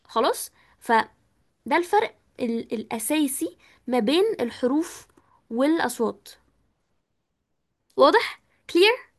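A woman's voice: sits high, very animated, measured pace, long pauses. A woman with an Egyptian Arabic accent teaching an online English class, patiently explaining and asking students questions, with English words mixed into her talk.

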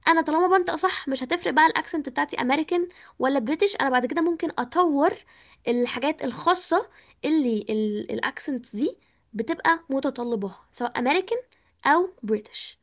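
A woman's voice: high-pitched, expressive, fast talker. A woman with an Egyptian Arabic accent teaching an online English class, patiently explaining and asking students questions, with English words mixed into her talk.

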